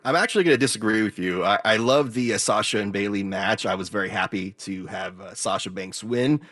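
A man's voice: lowish voice, a little fast, a bit bright, no echo, studio quality. A man co-hosting a radio show with casual, opinionated sports chat, rephrasing his points for emphasis.

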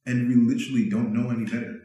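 A man's voice: mid-range voice, fairly even intonation, racing, mellow. A young man from Zambia, a rapper and guest, talking casually and laid-back with slang and frequent laughter. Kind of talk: casual conversation. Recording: roomy, echoey room.

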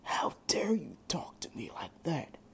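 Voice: medium pitch, sing-song, measured pace, gravelly, slightly rough, exaggerated voice. A young amateur reader voicing a menacing male demon king in a distant, eerie whispered role-play.

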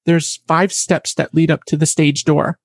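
Animated storyteller woman, dry close sound. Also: sits low, measured pace, no echo. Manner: animated, acts out other people's lines in the story. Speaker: guest. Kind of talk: personal storytelling in an interview.

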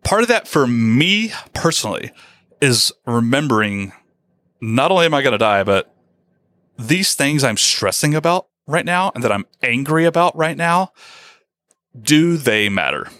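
Male podcast co-host, candid and self-mocking, lively pitch, dry close sound. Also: unhurried, dry recording. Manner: candid, self-deprecating, animated storytelling. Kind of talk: casual podcast chat.

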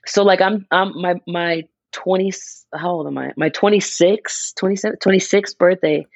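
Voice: medium pitch, steady tone, normal speed, creaky, no echo, lo-fi sound. A person in their mid-twenties chatting casually on a podcast, rambling and restarting as they explain an idea. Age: 20s. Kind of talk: casual chat.

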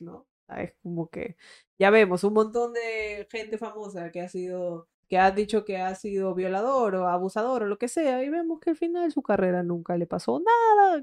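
A woman in casual podcast chat, her voice at an everyday middle pitch. She is frank and outspoken, with a dry, sarcastic bite. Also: darkish tone.

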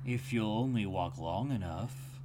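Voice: medium pitch, a little slow, noisy background, natural voice. A narrator voicing a good-natured mad talking cat in a storybook, teasing and matter-of-fact. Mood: amused, cryptic. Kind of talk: storybook character reading.

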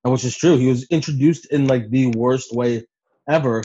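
Podcast guy, normal pitch, muffled lo-fi sound, casual recap, swears a lot n does the quotes. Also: moderate pace, warm tone, husky. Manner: swears freely, acts out quotes. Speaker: podcast co-host. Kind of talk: casual animated recap chat. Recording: dull lo-fi voice recording.

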